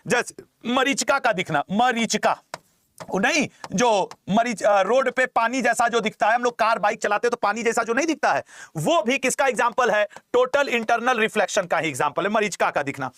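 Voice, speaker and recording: Male exam coach, very high voice, dry close sound, jokey lecturing, repeats key terms. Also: a little fast, a bit bright, no echo. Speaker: teacher.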